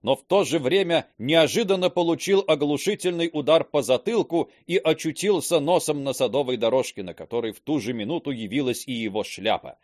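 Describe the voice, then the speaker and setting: A man's voice: fairly high pitch, fairly quick, hardly any pauses, a little mellow, no echo, clean studio sound. A man narrating a classic novel as an audiobook, telling the story expressively.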